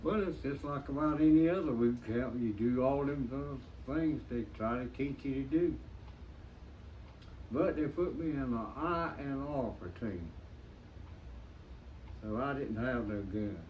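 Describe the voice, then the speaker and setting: An elderly American man, a veteran remembering his service in an interview in a plain-spoken, halting, folksy way. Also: mid-range voice. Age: 90s. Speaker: WWII veteran being interviewed. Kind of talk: interview reminiscence. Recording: dull lo-fi sound with faint noise, distant mic.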